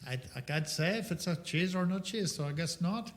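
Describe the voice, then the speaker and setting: A man's voice: fairly high pitch, expressive, moderate pace. A man on a comedy quiz panel, rambling hesitantly as he spins absurd made-up stories. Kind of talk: improvised comic banter.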